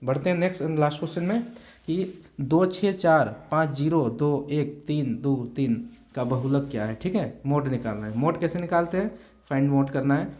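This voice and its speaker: A man's voice: fairly high pitch, normal speed, darkish tone. A man teaching a school math lesson, working through exam questions step by step and checking in with his students as he goes. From India. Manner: explains step by step with repeated check-ins.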